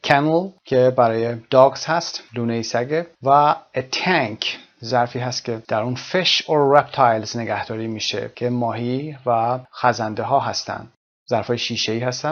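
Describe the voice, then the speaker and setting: A man teaching English from a textbook, explaining in one language and reading English examples slowly and carefully. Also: mid-range voice, dull audio.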